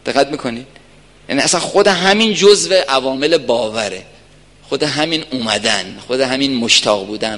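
A man giving an earnest religious lecture to a gathering, telling stories and swinging from soft asides to emphatic points. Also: mid-range voice, vocal fry. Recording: reverberant hall.

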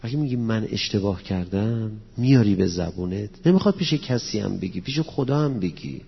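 A man's voice: fairly low pitch, lively intonation, gravelly, breathy edge. A man preaching to a gathered audience, mixing in quotations of scripture and poetry and leading them in prayer. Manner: quotes Arabic scripture and Persian verse, explains it plainly. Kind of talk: religious lecture. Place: hall with an audience. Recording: dull, echoey hall recording.

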